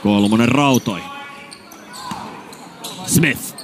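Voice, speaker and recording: A man's voice: mid-range voice, noisy background. A man doing live play-by-play basketball commentary, rattling off player names and bursting out on big plays. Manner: rapid name calls, bursts of excitement on baskets.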